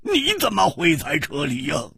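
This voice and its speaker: A man putting on a carefree swordsman in a storybook tale, all bellows and teasing jokes, his husky voice leaping wildly up and down. He sounds rowdy and lazy at once, a jolly drinker. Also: on the high side, huge pitch swings, normal speed, bright, forceful tone, pitched above the performer's own voice, exaggerated voice. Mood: overjoyed.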